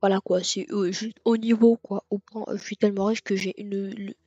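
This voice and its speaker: A man giving casual let's-play commentary on a racing game, rambling and hesitant with lots of fillers and sudden excited outbursts. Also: sits high, moderate pace, no echo. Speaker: gaming video creator. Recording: dull lo-fi mic with faint music.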